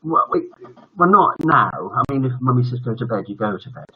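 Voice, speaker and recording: Over dull lo-fi livestream audio with slight background noise, an older man's mid-range voice comes through sing-song and brisk. He hosts a casual bedtime story stream for kids, joking and rambling with viewers and often trailing off.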